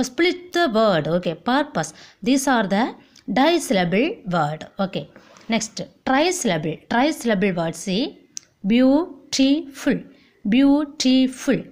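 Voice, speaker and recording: Indian English woman teacher, lively pitch. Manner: repetitive, drills words slowly, frequent "okay, see". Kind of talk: online classroom lesson.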